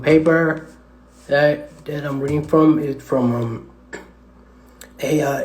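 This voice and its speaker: A man's voice: fairly high pitch, darkish tone. Give me a hesitant man echoing in a tunnel. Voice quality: hesitant, halting with many fillers. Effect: echoing tunnel reverb, voice bouncing around. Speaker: live streamer. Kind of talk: rambling live stream chat. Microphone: tablet microphone. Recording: echoey tunnel sound.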